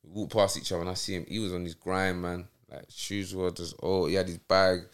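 A man's voice: low-pitched, little pitch movement, a little fast. A man with a South London accent chatting casually as an interview guest, using street slang and often checking the listener follows. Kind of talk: casual anecdotal chat.

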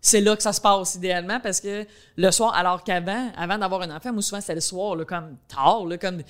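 A woman's voice: lowish voice, a little fast. Rambling rural Quebec woman comedian. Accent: Quebec French, rural. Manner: chatty, rambling, full of fillers. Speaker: comedian guest. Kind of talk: casual chat.

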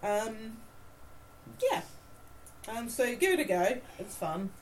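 A woman co-hosting a podcast, chatting in a relaxed, matter-of-fact way. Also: on the high side, slow, slight background noise. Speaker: podcast co-host. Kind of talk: casual chat.

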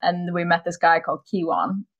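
A woman co-hosting a podcast, chatting in a relaxed, easygoing way and laughing often. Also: on the low side, moderate pace, dull audio. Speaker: podcast co-host. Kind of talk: casual chat.

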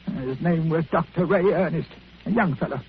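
A man's voice: on the high side, fairly quick, slight background noise, close to an everyday voice. An actor playing a self-pitying, miserly old man who grumbles and complains, in 1940s radio acting. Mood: complaining. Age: older. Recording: tinny old radio broadcast.

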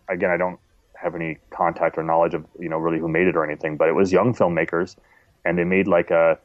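Low-voiced man, thoughtful, muffled lo-fi audio. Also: no echo. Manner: thoughtful, discursive, earnest. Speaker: interview guest, independent web series maker. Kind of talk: casual interview talk. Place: at home.

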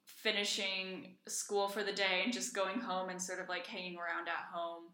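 A young adult Icelandic woman co-hosts a podcast, chatting casually but with emphasis. Her mid-range voice is bright and forceful yet completely flat in delivery, at a moderate pace. The recording sounds roomy and echoey.

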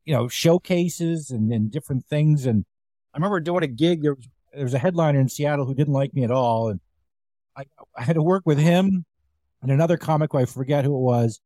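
A man's voice: fairly high pitch, fairly quick, dark tone, no room sound, studio quality. A man who does comedy, telling a story in casual chat and acting out other people's lines. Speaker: comedian guest.

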